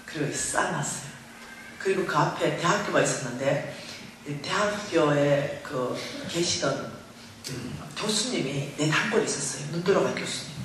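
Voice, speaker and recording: A middle-aged woman speaking at a revival meeting, telling her story in an animated way and acting out the voices in it. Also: low-pitched, normal speed, noisy background. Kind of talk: testimony sermon. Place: large church hall. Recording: echoey hall recording from far off.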